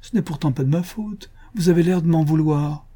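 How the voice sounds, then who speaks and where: A man reading the part of a flustered, excitable male suitor who pleads and curses in an audiobook. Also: on the high side, a little fast, slightly rough, voice pushed up.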